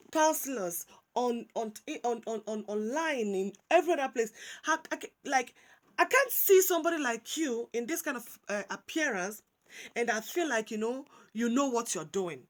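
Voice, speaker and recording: A Nigerian woman, a commentary vlogger, delivers animated, casual commentary in a high voice. She drifts between English and Pidgin, often restarting and repeating words.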